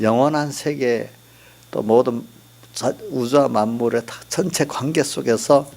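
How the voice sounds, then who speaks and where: A man's voice: mid-range voice, vocal fry, a little mellow, husky. A middle-aged male pastor preaching a sermon in church, talking in a conversational way and often asking the congregation for replies.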